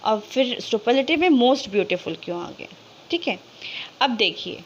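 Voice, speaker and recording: A woman teaching English grammar in Hindi, asking questions and answering them herself, and stretching out the example words slowly. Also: sits high, a bit bright, dull audio. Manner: slow, drawn-out reading of example words. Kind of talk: explanatory lesson in Hindi with English terms.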